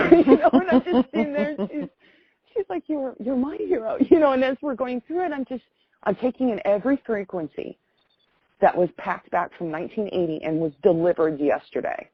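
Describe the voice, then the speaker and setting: The phone call sounds muffled but has no echo, and the woman on the line has a mid-range, slightly rough voice at a normal speed. She's middle-aged and American, casually telling a personal story in an effusive, meandering manner.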